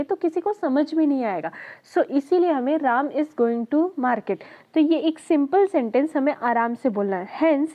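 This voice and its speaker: A woman teaching an Ayurveda lesson, explaining terms in Hindi mixed with English and reading definitions slowly. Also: sits high. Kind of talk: explaining lecture. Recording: dull lo-fi audio.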